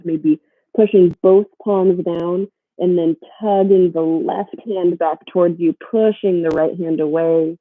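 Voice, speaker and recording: A woman guiding a gentle yoga class in a soothing, encouraging manner. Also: lowish voice, phone-quality sound. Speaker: yoga instructor.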